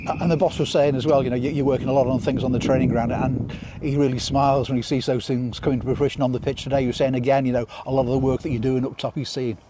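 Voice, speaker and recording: A man's voice: mid-range voice, little pitch movement, fast, few pauses, background noise. A man interviewing a player after a match outdoors, asking leading questions that often end in a tag. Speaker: club interviewer. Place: outdoors at a stadium at night. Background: faint outdoor ambience.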